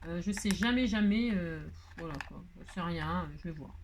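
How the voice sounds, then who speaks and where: A woman's voice: on the low side, normal speed, slight background noise. A middle-aged woman hosting a crafting tutorial, rambling and joking at herself as she works. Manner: rambling, self-mocking, hums and sings snatches of tunes while working.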